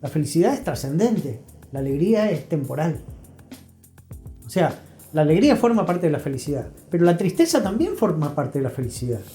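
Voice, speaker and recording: Here the older Argentine man, a guest therapist in a reflective interview, has a dark tone, a fairly high pitch with big swings, and a fairly quick pace. He explains didactically and emphatically, repeating key phrases, while the room echoes over faint music.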